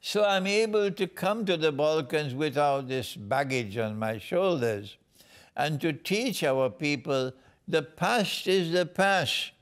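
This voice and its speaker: A man from Trinidad giving slow, emphatic interview answers, repeating phrases like a preacher. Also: fairly high pitch, expressive. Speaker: guest speaker.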